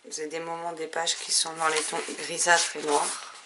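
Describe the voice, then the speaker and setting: A woman with a low, monotone voice talks at a normal speed over a noisy background. She's a vlogger chatting casually about the books she bought, rambling and hesitating a lot in this book haul.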